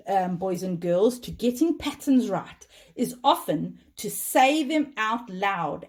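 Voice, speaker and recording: A woman teacher talks young children through a lesson in a slow, unhurried way. Her pitch rises and falls in a lively sing-song as she chants patterns aloud and cheers them on. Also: husky.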